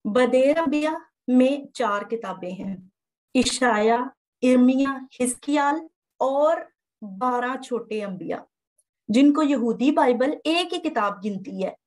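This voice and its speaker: Methodical woman teaching with a higher voice. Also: expressive, slow pace, darkish tone. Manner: methodical, repeats key terms. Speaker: Bible teacher. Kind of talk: slide-based lecture.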